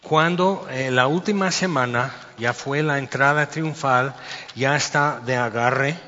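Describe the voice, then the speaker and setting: A man's voice: mid-range voice, unhurried, bright, forceful tone. A man with a Mexican accent preaching a sermon, explaining Bible verses in a conversational way with rhetorical questions. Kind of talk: sermon with scripture reading. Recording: dull lo-fi sound with long hall reverb.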